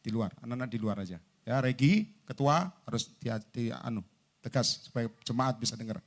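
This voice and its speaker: A man preaching a sermon to a congregation. He acts out both sides of conversations and swings from loud to soft. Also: medium pitch, a little fast. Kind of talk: lively sermon. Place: large indoor church hall.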